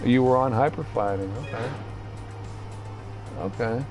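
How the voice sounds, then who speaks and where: A man with a mid-range voice streams a video game, offering casual, rambling commentary as he haltingly thinks aloud while reading the menus. Music plays in the background.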